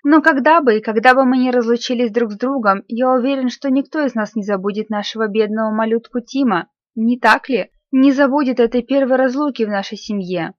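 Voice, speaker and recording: A gentle, grieving father speaks with tender earnestness, as a woman reading the story puts him on. The voice sits a little high and the recording is slightly muffled and dry. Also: fairly quick, few pauses, dry recording, lightly acted. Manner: tender, earnest, choked with feeling. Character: grieving, gentle middle-aged father clerk.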